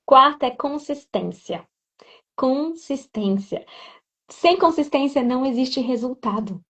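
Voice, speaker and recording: A woman's voice: high-pitched, lively intonation, moderate pace, fairly bright tone, breathy edge. A woman English teacher and mentor speaking earnestly in a casual live interview, stressing points by repeating them. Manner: earnest, emphatic with repetition. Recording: dull lo-fi audio.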